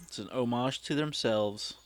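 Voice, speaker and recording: A man's voice: mid-range voice, moderate pace, no room sound. A man in his thirties giving casual movie reaction commentary, musing aloud and chuckling between remarks. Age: 30s. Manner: chuckling, musing asides to himself.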